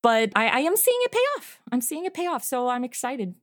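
As an interview guest, a woman chats eagerly about her comedy podcast, quick to laugh in casual conversation. Her high voice swings widely in pitch. The studio-quality recording has no echo.

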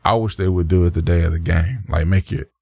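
A man's voice: low-pitched, steady tone, a little fast, gravelly, a little mellow, husky, no echo, studio quality. A man co-hosting a podcast, chatting casually and animatedly, slipping into mock voices to tell stories. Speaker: podcast co-host. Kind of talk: casual chat.

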